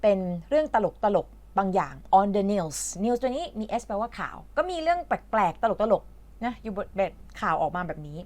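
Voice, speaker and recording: A woman's voice: mid-range voice, big pitch swings, moderate pace. A woman from Thailand who teaches English, patiently explaining a reading lesson in a chatty way with lots of fillers.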